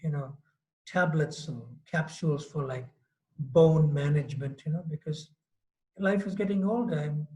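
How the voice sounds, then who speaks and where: A man's voice: a little high, moderate pace, a little mellow, poor audio. A man nearing sixty giving a devotional lecture in a loose, conversational way, often saying "you know". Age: 50s. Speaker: swami giving a class. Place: Mauritius.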